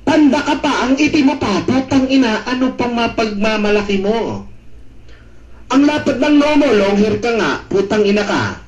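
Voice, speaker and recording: A man roasting and taunting others in an online voice chat, swearing constantly and breaking into shouts. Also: high-pitched, reverberant, rough recording. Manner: taunting, cursing, mocking, shouting bursts. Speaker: voice chat room regular. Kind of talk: trash-talk roast in voice chat.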